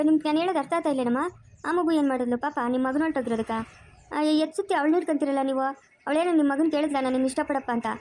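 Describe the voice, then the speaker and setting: A woman's voice: sits high, natural voice. A woman doing a kind village neighbour woman. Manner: pleading, scolding gently. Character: kind middle-aged village neighbour woman, fair-minded.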